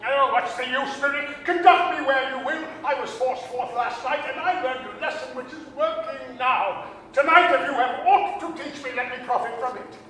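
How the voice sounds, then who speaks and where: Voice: sits high, normal speed, pushed and bright. An actor playing Ebenezer Scrooge, a grumpy, stingy old man, in a radio-style staged reading. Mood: grudging, resigned. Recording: echoey hall, distant, faint hiss.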